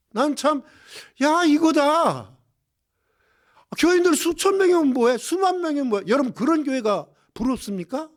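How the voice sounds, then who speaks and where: A male pastor preaching in church, impassioned, rising to loud exclamations and dropping to hushed low passages, firing rhetorical questions at the congregation. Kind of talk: sermon.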